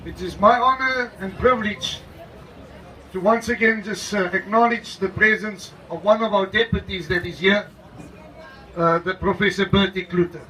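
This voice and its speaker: A man, an interim leader, giving a slow, emphatic ceremonial welcome speech to a gathering and repeating his key phrases. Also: high-pitched, fairly even intonation, pushed and bright, slight background noise, rough recording. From South Africa.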